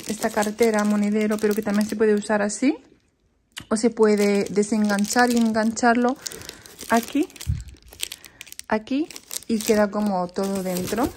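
A woman's voice: mid-range voice, a little mellow, slight background noise. A young woman vlogging at home, chatting casually to camera in a rambling way with many restarts.

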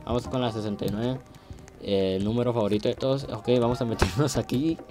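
A man, giving casual, joking gameplay commentary and bursting into shouts when things go wrong. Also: mid-range voice, brisk, music in the background. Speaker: gaming youtuber.

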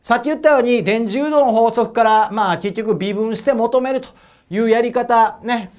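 A man's voice: very high voice, normal speed, darkish tone. A man with an Osaka accent teaching exam physics in a lecture, chatty and joking, often asking his viewers questions. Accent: Osaka Japanese. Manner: chatty, asks viewers questions, laughs at own jokes. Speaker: prep school physics teacher. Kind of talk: whiteboard lecture to camera.

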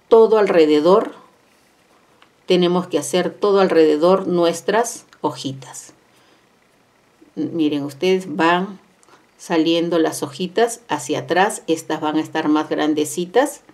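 A woman's voice: fairly low pitch, darkish tone. A woman teaching crochet step by step, counting stitches aloud and repeating each instruction. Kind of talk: step-by-step craft tutorial. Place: indoors at a craft table.

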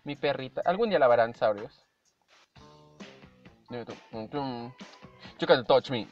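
A man's voice: mid-range voice, a little slow. A young Mexican man reacting to videos in casual, playful chat, humming and mimicking tunes as he goes. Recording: dull lo-fi audio with faint music.

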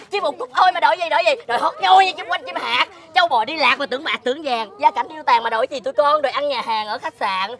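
An actress playing a sharp-tongued countrywoman who fires off a long, rhyming stream of insults in a comedic web drama. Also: sits high. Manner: rapid rhyming insult tirade, loud and scolding. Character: sharp-tongued rural Vietnamese woman, fierce curser.

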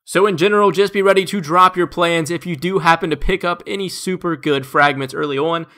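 Congested and stuffy-nosed, a man records a scripted tips voice-over for his gaming videos at home. He talks briskly in a high, bright, forceful voice, keeping an upbeat, steady pace between tips.

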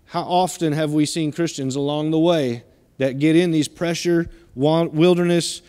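A man's voice: a little high, fairly even intonation, moderate pace, mellow, clear, resonant tone, in a large hall. A middle-aged man preaching a sermon in a church, emphatic and given to repeating his phrases as he exhorts the congregation. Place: church sanctuary.

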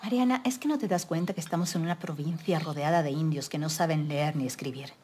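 An actress plays a haughty middle-aged colonial mother with a lowish voice. She talks with stern, scolding authority, and faint ambient noise sits behind her. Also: quick pace, mellow, lightly acted. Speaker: mother of Mariana.

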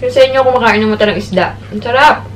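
A woman's voice: a little high, fast, a little hiss or hum. A woman vlogger, chatting casually while chewing food with her mouth full, savoring each bite aloud. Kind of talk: casual mukbang chat.

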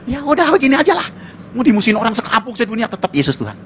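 Animated high-pitched male preacher. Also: rapid-fire, a little hiss or hum. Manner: animated, colloquial, mocking asides. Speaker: pastor. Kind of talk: sermon.

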